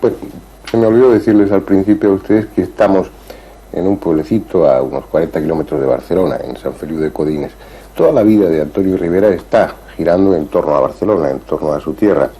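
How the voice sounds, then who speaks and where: A man hosting an interview, asking questions and narrating in a calm, thoughtful way. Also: low-pitched, quick pace, husky, rough recording. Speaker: interviewer and host.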